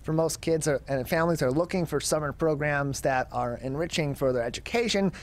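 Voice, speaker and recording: A young adult man hosts a broadcast interview show, talking into a studio mic on a boom arm in a TV studio with a curtain backdrop. His voice is a little high and fairly quick.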